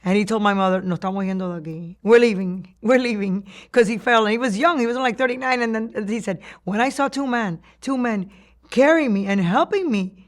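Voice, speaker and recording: Speaking briskly in a medium-pitched voice, a Cuban-born interviewee looks back on her life for an oral history project. Her storytelling is reflective, punctuated by laughs and frequent restarts.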